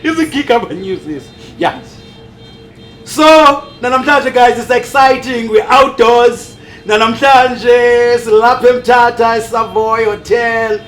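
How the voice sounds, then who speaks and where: A man's voice: extremely high pitch, takes it slowly, fairly bright tone, soft background music. A South African man with a Xhosa accent, hosting a casual interview in an exuberant, language-switching style. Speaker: interview host. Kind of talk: casual chat.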